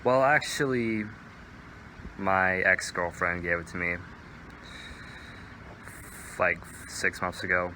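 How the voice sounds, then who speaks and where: A teenage guy with a fairly low voice talks casually to his vlog viewers. He rambles along with plenty of "like" as he walks outside. Clear ambient noise, including vehicles, sits behind his voice. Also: takes it slowly, pauses often, sharp tone, low-quality recording. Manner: rambling, filler-heavy with "like". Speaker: vlogger. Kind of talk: casual outdoor vlog chat. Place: outdoors in a park, walking.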